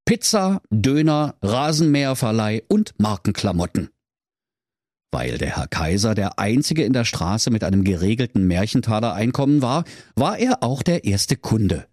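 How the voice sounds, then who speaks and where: A man's voice: lowish voice, big pitch swings, moderate pace, hardly any pauses, darkish tone, no echo, clean studio sound. A man narrating a comic fairy tale in a playful, theatrical way. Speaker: storyteller.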